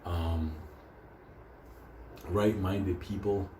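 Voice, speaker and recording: A native Spanish speaker from Puerto Rico or a Puerto Rican community, this storyteller and host tells rambling, profane, joking stories, swearing heavily and often breaking into laughter. His voice is low and mellow with fairly even intonation, and he speaks extremely slowly. The room has a roomy echo and faint background noise.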